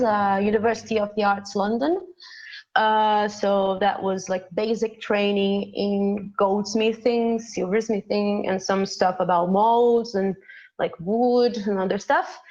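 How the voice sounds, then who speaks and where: Calling into a live stream, a Portuguese-speaking woman from Brazil explains something casually, often groping for words and relying on fillers. Her voice sits in the mid range, and the audio is dull.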